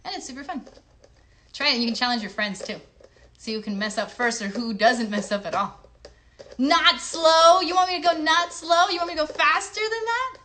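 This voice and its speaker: A woman hosts a children's show, speaking straight to young viewers with playful, encouraging instructions and a singalong. Her voice is high-pitched, bright and forceful at normal speed. Clear background noise is audible on the livestream.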